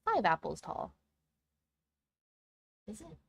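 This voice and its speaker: A woman livestreamer chatting casually with her audience in a cute, playful, excitable anime-streamer manner. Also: mid-range voice, takes it slowly, creaky, a little hiss or hum. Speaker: livestreamer talking to chat.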